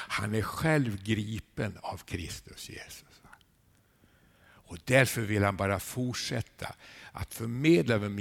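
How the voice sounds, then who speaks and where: Male preacher, mid-pitched with a gravelly edge; fervent sermon delivery, heavy on rhetorical questions. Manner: asks rhetorical questions, tags lines with a questioning "eh?"; animated storytelling with sudden rises in volume.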